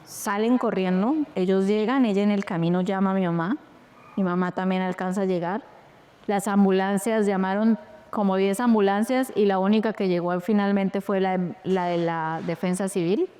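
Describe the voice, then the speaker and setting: A Colombian woman recounts her personal history as a podcast guest. Her voice is smooth and resonant, sitting in a middle pitch. She tells it with animation, slipping into the voices of the people in her story. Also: normal speed. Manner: lively, animated retelling with quoted dialogue. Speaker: interview guest.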